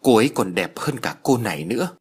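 A blunt young countryman in an audio story talks without tact, voiced by a man. His voice is husky, slightly raised. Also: lowish voice, very animated, fast. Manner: blunt, tactless.

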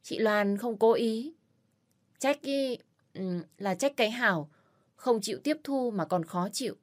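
Woman doing sly young flatterer, fawning, ingratiating, story reading. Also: a little high. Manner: quick, ingratiating.

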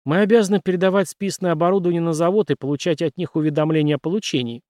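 A man voicing a weary, cautious older general who speaks quietly and ruefully. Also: a little high, racing, no room sound, clean studio sound, pitched above the performer's own voice, natural voice. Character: weary old male general, loyal but cautious.

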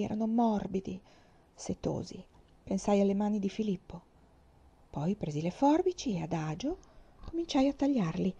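A woman reads a historical novel aloud in a warm, mellow voice. Her first-person telling is expressive and dramatic, climbing now and then into loud, forceful passages. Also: mid-range voice, creaky, husky. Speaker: reader.

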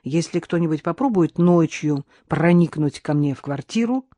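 A woman reading a first-person audiobook story in a lively, wry, brisk way. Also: low voice, dry recording. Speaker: audiobook narrator.

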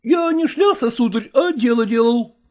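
A woman's voice: fairly high pitch, lively intonation, moderate pace, mellow, lightly acted. A woman reading a storybook, voicing a sly, servile male lackey who gossips and fawns. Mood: fawning. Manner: fawning, gossiping.

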